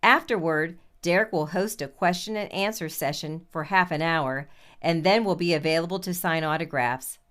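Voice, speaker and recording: A woman's voice: deep voice, normal speed, a bit bright. A woman reading scripted listening-practice material in a formal, carefully enunciated way.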